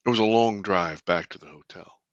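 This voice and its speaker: A filmmaker with a deep voice, appearing as an interview guest, earnestly tells a personal story in conversation. He halts and restarts, then breaks into bursts of excitement. The lo-fi recording has no echo.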